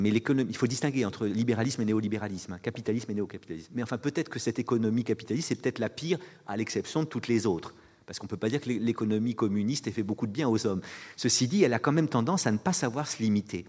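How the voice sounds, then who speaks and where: A man's voice: lowish voice, darkish tone. A man giving a reflective talk, hesitant, with many fillers and restarts. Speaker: speaker on fatigue and rest. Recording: long hall reverb.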